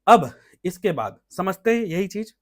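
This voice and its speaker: Higher-pitched male chemistry teacher. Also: big pitch swings, unhurried. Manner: explains step by step, asks rhetorical checks, repeats key terms. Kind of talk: classroom lecture.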